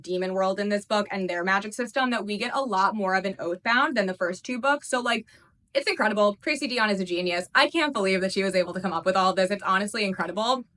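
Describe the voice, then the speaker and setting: A young woman in her twenties gushing over books in a casual reading vlog, talking quickly and full of "like" fillers. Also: medium pitch, fairly bright tone. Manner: gushing, fast, lots of "like" fillers. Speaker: book reviewer. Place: her apartment, indoors.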